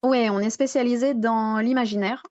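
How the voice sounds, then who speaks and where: A woman's voice: a little high, fairly even intonation, a little mellow, no room sound. Woman on a dull, dry line. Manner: measured, explanatory, with frequent pauses. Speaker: guest, editorial director of a publishing house. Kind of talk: radio interview answers.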